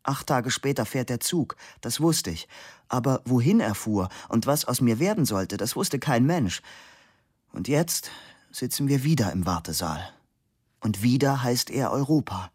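A man's voice: mid-range voice, expressive, unhurried, slightly rough, no room sound, clean studio sound, pitched above the performer's own voice. A man reading an audiobook voices a disillusioned young man speaking with wry resignation. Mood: resigned.

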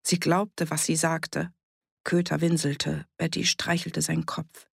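Woman audiobook narrator, low voice, gravelly, husky, dry studio sound. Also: no echo. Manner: steady, measured storytelling. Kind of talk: scripted narration of a novel.

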